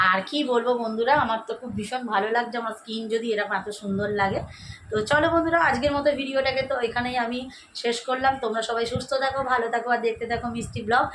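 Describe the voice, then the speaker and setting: Young woman beauty vlogger, rapid chatty tutorial delivery, slightly high voice, home camera mic. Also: a bit bright, slight background noise, low-quality recording. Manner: chatty, addresses viewers as friends, demonstrating as she goes. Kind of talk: casual skincare tutorial. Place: at home, indoors.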